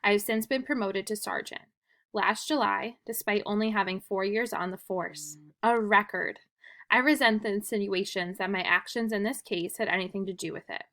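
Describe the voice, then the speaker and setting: Bright-voiced woman teacher reading aloud. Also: mid-range voice. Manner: plain, even reading with occasional restarts and ums. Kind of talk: reading a witness statement aloud for a class.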